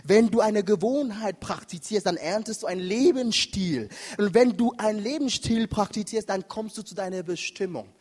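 A man preaching a sermon with passion, swinging between shouts and near whispers. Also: high voice, moderate pace, hardly any pauses. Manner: impassioned, swings from shouting to hushed. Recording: long reverb of a large hall.

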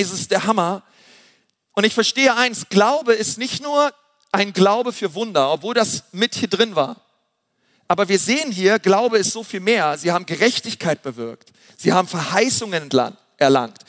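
A man's voice: sits high, expressive, normal speed, fairly bright tone, long reverb tail. A male pastor preaching a sermon with energy, repeating refrains and using casual slang. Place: church hall.

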